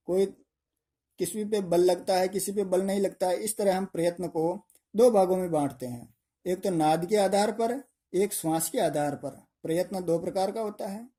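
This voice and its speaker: A male teacher gives an exam-prep lesson in a mellow, darker voice. He works through each point step by step. He often asks a question and then answers it himself. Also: sits high. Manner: explains step by step, asking and answering his own questions.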